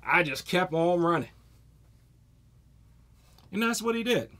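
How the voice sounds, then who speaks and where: A man's voice: high voice, takes it slowly. A man in his forties, a martial arts instructor, giving a casual self-defense talk and acting out stories with energy. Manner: animated storyteller, acts out scenes.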